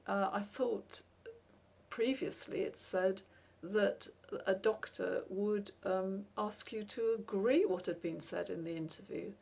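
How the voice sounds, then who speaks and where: A woman giving a wry, skeptical opinion monologue, pausing often with fillers. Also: mid-range voice, gravelly, darkish tone. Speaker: commentator.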